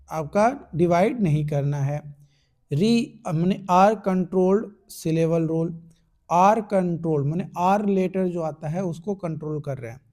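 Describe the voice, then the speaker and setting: A young man with an Indian accent teaching English rules in an online exam-prep lesson, explaining each rule slowly in mixed Hindi and English. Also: high voice, warm tone.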